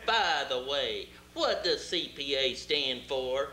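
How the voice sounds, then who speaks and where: An actor playing a brash, mocking cowboy lawyer in an amateur stage comedy-mystery. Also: male voice, medium pitch, expressive, slow, sharp tone. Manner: sarcastic, needling. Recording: echoey stage with faint hum.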